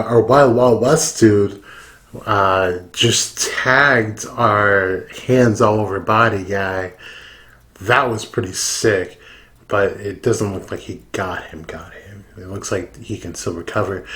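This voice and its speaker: A man's voice: on the low side, takes it slowly, fairly bright tone. A man who is drunk, giving casual reaction commentary full of swearing and slang. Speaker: YouTube reaction host.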